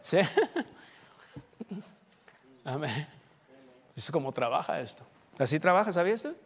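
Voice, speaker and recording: A man preaching a sermon as pastor, emphatic, swinging between loud and soft and checking in with the congregation. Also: fairly high pitch, lively intonation, slow pace, breathy edge. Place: church. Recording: long church reverb.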